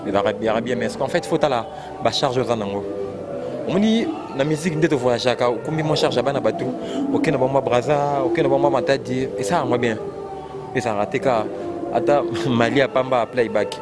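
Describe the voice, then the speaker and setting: A Congolese man chatting casually and excitedly, repeating words and exclaiming as he talks. His voice sits at a middle pitch. Loud music plays right behind him the whole time. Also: brisk. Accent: Congolese French. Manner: animated, repetitive, exclaiming. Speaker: fan discussing rumba music. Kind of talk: casual chat mixing French and Lingala.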